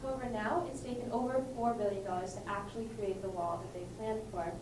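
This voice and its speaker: A woman's voice: medium pitch, fairly even intonation, fast. A seventeen-year-old girl from Michigan giving an earnest student presentation at a conference. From Michigan, USA. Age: teens. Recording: roomy hall, distant mic, hiss.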